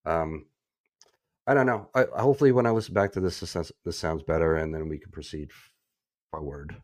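A man's voice: extremely low pitch, brisk, no echo, clean studio sound. A man co-hosting a casual podcast, rambling with fillers and joking at his own expense. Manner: rambling, self-deprecating, many fillers. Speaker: podcast co-host. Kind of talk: casual chat. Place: echoey room.

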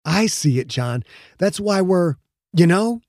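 A man's voice: high voice, lively intonation, slow, a little mellow, no room sound, studio quality, pitched above the performer's own voice. A man voicing a level-headed young groom who speaks mildly, with a touch of exasperation.

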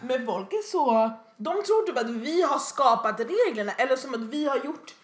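A young woman, casually chatting and retelling stories with lively acted quotes. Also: high voice. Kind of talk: casual chat, storytelling. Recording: echoey room.

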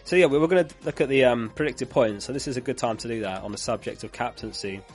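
A man who is losing his voice hosts a live fantasy football stream, chatting away as he reads viewer comments and laughs along. His voice is medium-pitched, quick and a little mellow, with soft music playing in the background.

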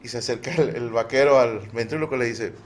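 A man's voice: mid-range voice, fast talker. A Mexican man telling jokes casually among friends, chatty and slangy, often chiming in. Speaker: joke teller.

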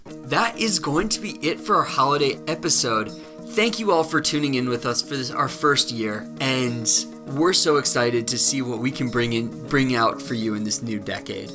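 A young man co-hosting a casual podcast from a studio, talking in a relaxed, halting way with fillers. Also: mid-range voice, over music. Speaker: podcast co-host.

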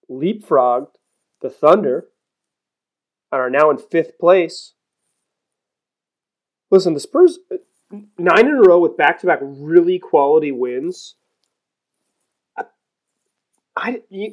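A man hosting a basketball podcast, talking in a chatty, self-deprecating way with animated emphasis, and reading an ad. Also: fairly high pitch. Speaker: podcast host. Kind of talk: sports podcast commentary and ad read.

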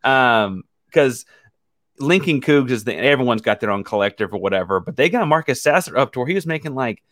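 A man's voice: mid-range voice, animated, brisk, fairly bright tone, dry recording, studio quality. A man giving casual, discursive sports analysis as a podcast guest in a conversational way.

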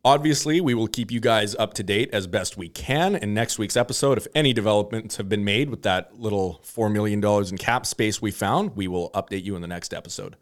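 A man co-hosting a casual sports podcast, animated and prone to mock outrage. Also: lowish voice, a little fast, hardly any pauses. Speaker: podcast co-host.

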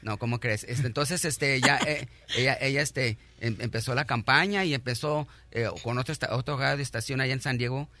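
A middle-aged man, a guest on a radio show, telling his own story in a halting, earnest way, full of restarts and thanks. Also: medium pitch, pushed and bright.

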